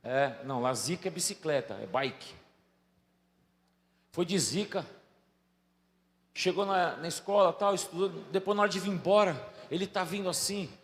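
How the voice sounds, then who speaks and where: A middle-aged man, preaching a sermon as a pastor, telling stories that swing from soft asides to loud bursts. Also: high-pitched, lively intonation, normal speed, pauses often. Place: large church hall. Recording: echoey hall with faint ambience.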